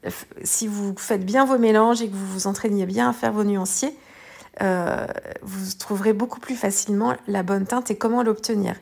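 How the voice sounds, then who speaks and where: A tired-sounding woman with a medium-pitched, steady, darkish and slightly rough voice with vocal fry hosts an art journaling video at a moderate pace. In a casual tutorial voice-over, she rambles through her page with many hesitations and restarts.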